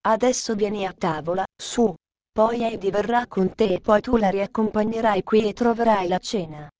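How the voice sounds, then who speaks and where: A stern but kind old mountain grandfather, given voice by a woman reading a storybook aloud. He scolds firmly and slowly, words weighed out one at a time. The sound is close and dry. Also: medium pitch, a little mellow, no echo, lo-fi sound, natural voice. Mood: gentle.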